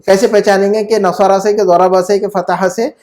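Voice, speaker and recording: A man's voice: sits high, flat delivery, darkish tone. A man teaching Arabic grammar in a one-on-one online lesson, patient, checking often that his student follows. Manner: patient, asks frequent check questions. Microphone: video call.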